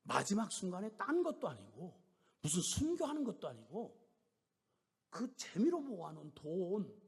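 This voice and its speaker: A man preaching a sermon as a missionary, telling a story and acting out the people in it, moving between shouting and whispering. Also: sits high, huge pitch swings, normal speed, slightly rough, big-room sound. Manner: storytelling, acting out scolding dialogue.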